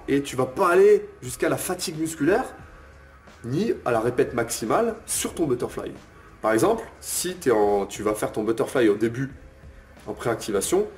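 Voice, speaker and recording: A man's voice: mid-range voice, darkish tone. A young man, a fitness coach, casually explaining bodybuilding methods to the viewer with frequent fillers and check-ins. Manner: informal, addresses viewer as tu, frequent "ok?" and "euh". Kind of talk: casual bodybuilding lesson to camera.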